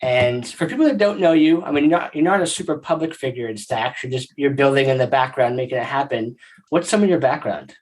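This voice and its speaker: A man's voice: mid-range voice, lively intonation, a little fast, darkish tone. A man in his thirties hosting a podcast interview, chatting in a friendly, upbeat, rambling way over a video call. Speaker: podcast host. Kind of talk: casual interview chat.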